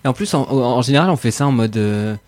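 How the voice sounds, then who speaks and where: A man co-hosting a podcast, making quick jokes in casual chat. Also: mid-range voice, lively intonation, a little mellow.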